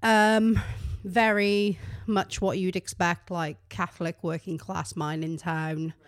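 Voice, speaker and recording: A woman's voice: lowish voice, flat delivery, slow pace, no echo, studio quality. A woman from the South Wales Valleys with a Welsh Valleys accent, chatting casually and bluntly as an interview guest, often at her own expense. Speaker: podcast guest, writer and musician.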